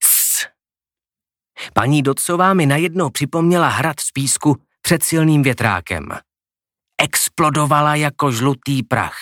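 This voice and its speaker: A man's voice: fairly high pitch, a bit bright, no echo, studio quality. A man reading an audiobook aloud, narrating expressively and acting out the characters.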